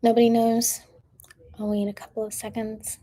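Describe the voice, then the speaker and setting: A woman's voice: a little high, completely flat delivery, moderate pace, mellow. A woman hosting a casual livestream, rambling with lots of fillers and drifting into whispers, her throat strained from talking. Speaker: livestream host.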